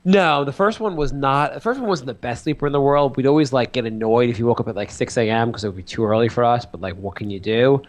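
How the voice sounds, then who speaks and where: A man's voice: mid-range voice, fast talker, hardly any pauses. Male co-host, mid-range voice, rambling storyteller, loose and chatty. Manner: rambling, animated storytelling with lots of fillers. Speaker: podcast co-host; father of two small children. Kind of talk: casual chat.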